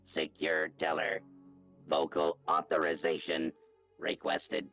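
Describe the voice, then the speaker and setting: A computer processing voice from a game bank terminal, very deep and rumbling. It delivers its clipped announcements at a crawling pace in one flat, unchanging tone. The sound is muffled and distant. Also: male voice, faint music behind, full character voice. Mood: mechanical. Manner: slow, clipped machine announcements. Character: monotone male bank security computer.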